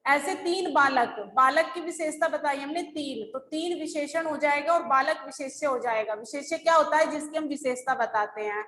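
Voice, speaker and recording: A woman's voice: high-pitched, normal speed, few pauses, fairly bright tone, roomy sound, low-quality recording. A woman schoolteacher going over lesson answers, explaining patiently step by step. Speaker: school teacher. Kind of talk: recorded class lesson.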